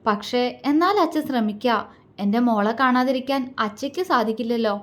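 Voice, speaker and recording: A woman's voice: fairly high pitch, fairly quick, lightly acted. A woman voicing an aging father who talks in a soothing, affectionate way. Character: aging father, loving and gently teasing.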